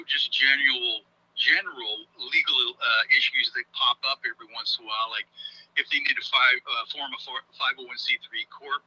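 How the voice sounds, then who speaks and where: An older man, a guest heard over a speakerphone, answering interview questions in a halting way with many ums and uhs. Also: mid-range voice, sharp tone, breathy edge, rough recording. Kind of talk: casual interview talk.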